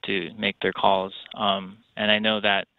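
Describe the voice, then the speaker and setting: A man calling in over a landline phone from his office, explaining things in a halting way with many pauses as a tourism bureau staffer. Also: on the low side, level tone, vocal fry, dry recording. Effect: heard over a landline phone. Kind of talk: casual chat. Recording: dull, dry landline phone line.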